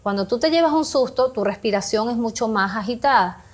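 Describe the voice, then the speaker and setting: A woman with a slightly high voice explains how to manage emotions on a talk show. She walks through practical tips with examples and sometimes voices little snippets of what people say to themselves. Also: animated, a little fast. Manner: explains with examples, acts out quoted self-talk. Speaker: guest speaker on emotional health.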